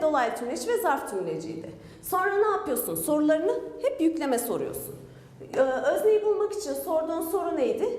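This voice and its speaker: A woman's voice: sits high, slight background noise. A woman teacher giving an online grammar lesson, asking her students questions and answering them herself. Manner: lively, asks and answers her own questions. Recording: echoey room with long reverb.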